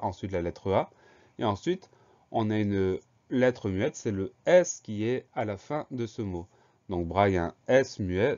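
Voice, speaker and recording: Patient, low-voiced man spelling words aloud. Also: a little mellow, lo-fi sound. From France. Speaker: teacher. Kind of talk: spelling dictation lesson.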